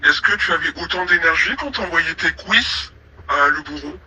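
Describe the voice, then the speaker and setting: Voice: medium pitch, lively intonation, moderate pace, bright, forceful tone, a little hiss or hum, poor audio. An anonymous listener speaking through a voice changer, curt and dismissive. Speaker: anonymous listener asking questions.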